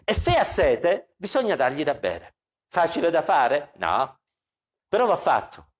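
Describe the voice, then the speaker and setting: A man preaching an evening sermon as pastor, with expressive delivery that repeats questions for emphasis. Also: a little high, a little slow.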